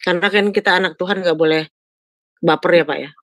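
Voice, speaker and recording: An older woman calls a pastor and tells him a personal story in a chatty, casual way, often seeking his agreement and repeatedly adding "Pak, ya". Her fairly low, slightly bright voice is steady and fast. The recording is dry and studio-clean.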